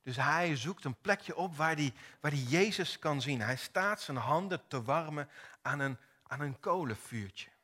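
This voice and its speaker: A man preaching a sermon, retelling a story dramatically with lively acted-out dialogue. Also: on the high side, a little slow.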